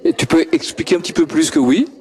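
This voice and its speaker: A man with a higher, darkish voice speaks fast in a sing-song manner while interviewing kids at a homework-help group. He passes a handheld mic around and asks friendly questions, often chuckling, stammering, and repeating himself.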